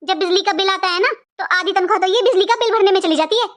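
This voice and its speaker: A woman's voice: very high-pitched, fast talker. Woman voicing a bossy, nagging sister-in-law. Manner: nagging, taunting, sharp-tongued. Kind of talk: cartoon voice acting.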